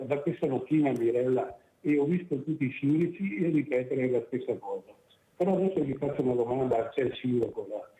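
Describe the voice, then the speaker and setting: A man's voice: mid-range voice, dark tone, reverberant. A man calling in to a radio show on speakerphone, talking in a rambling, indignant way and repeating himself. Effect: caller on speakerphone over a phone line. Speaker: caller. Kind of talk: call-in radio chat. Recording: muffled speakerphone phone line.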